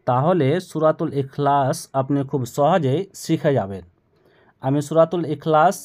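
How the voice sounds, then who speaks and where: A Quran recitation teacher with a fairly high, slightly mellow voice gives a pronunciation lesson, patiently explaining the rules. He recites verses in a slow, drawn-out, melodic way and repeats each phrase so learners can follow along.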